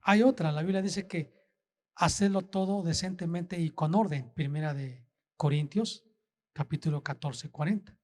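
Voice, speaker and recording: A man preaching a sermon as a pastor, asking the congregation slow, deliberate rhetorical questions. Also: a little high, a little mellow.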